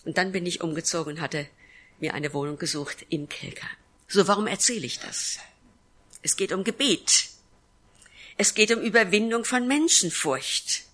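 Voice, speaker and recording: Woman, pastor, sermon testimony, earnest storytelling, bright and forceful, lowish pitch. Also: moderate pace. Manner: earnest storytelling with acted-out quotes.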